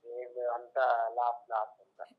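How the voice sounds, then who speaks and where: A man calling in on a small mobile phone, speaking with a rural Telangana accent in a blunt, halting way. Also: medium pitch, monotone. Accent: rural Telangana Telugu. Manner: blunt, halting, loosely phrased. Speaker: caller. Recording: muffled phone line.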